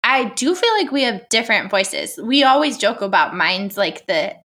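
A woman co-hosting a podcast in casual chat with her sister, chatty and quick to laugh, with a girlish voice. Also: lively intonation, fairly bright tone. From Illinois. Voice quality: high-pitched girlish voice. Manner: chatty, laughs often, many fillers. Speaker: podcast co-host.

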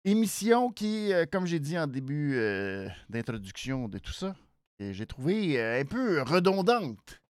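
A host with a nasal voice and a Quebec French accent gives a casual show recap, halting and repeating words for emphasis. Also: medium pitch, no room sound, studio quality. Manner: animated, hesitant, halting phrases with repeats for emphasis. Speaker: wrestling show review host.

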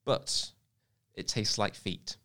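A man as a podcast guest explaining things in a relaxed, playful way. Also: slow. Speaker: podcast guest, bee expert. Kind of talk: casual chat.

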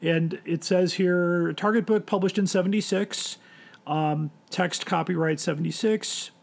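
A man's voice: high voice, fairly even intonation, unhurried, creaky. A man hosting a casual podcast, rambling and hesitant with many restarts. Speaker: podcast host.

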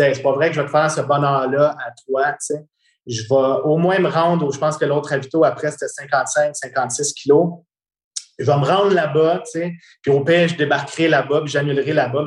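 A man with a Quebec French accent tells a long personal story as a guest, animated and often repeating words while he searches for the next one. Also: fairly high pitch. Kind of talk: casual storytelling conversation. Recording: roomy echo.

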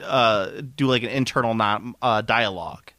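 A man's voice: lowish voice, moderate pace, pushed and bright, dry recording. Man, casual movie talk, rambling, chuckling, dry close sound. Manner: rambling, laughs often, restarts sentences.

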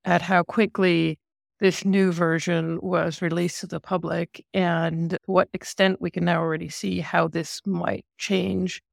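A podcast co-host explains things thoughtfully, with restarts as they go. The voice has a gravelly fry. It is recorded dry and close. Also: mid-range voice, dry recording. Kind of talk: conversational explaining.

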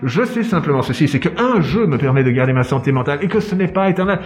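Comic detective, pompous and hammy, somewhat high voice, played by a man. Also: animated, quick pace, lightly acted. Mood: mock-grandiose. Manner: theatrical, playful, with silly sung noises. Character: pompous self-styled detective hamming it up, adult man. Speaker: comedic sketch character.

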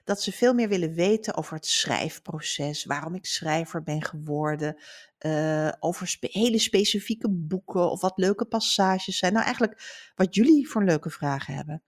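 A middle-aged woman, a children's book author, answering interview questions and reading aloud from her book with expressive storytelling. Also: fairly low pitch, moderate pace.

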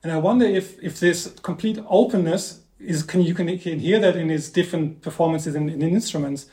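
A man whose first languages are Dutch and German co-hosts a podcast in a casual music discussion, asking long, winding questions with lots of ums. His voice is fairly high, brisk, and warm, and the room sounds echoey.

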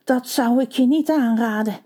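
A woman's voice: on the high side, normal speed, warm tone, voice pushed up, lightly acted. A woman voicing a greedy male crow in a storybook tale, speaking in a raised, mumbling voice. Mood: complaining.

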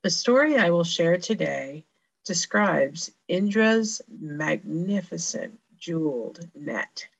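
An American woman telling a story as a religious educator, leading a guided visualization in a measured, deliberate manner with hushed phrase endings. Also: lowish voice. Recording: band-limited, dull lo-fi sound.

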